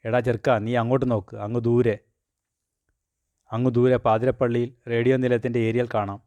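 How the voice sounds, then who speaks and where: A man's voice: medium pitch, level tone, a little fast, dark tone, no echo, lightly acted. A man reading as a grumbling old grandmother.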